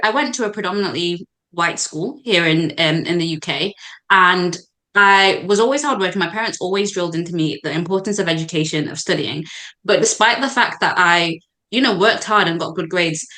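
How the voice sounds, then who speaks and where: A woman's voice: medium pitch, normal speed, sharp tone. A young woman from Zambia, a doctor guesting on a podcast, talking in an earnest, encouraging and reflective way with frequent "um"s and "like"s. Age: young adult. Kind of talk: casual podcast conversation.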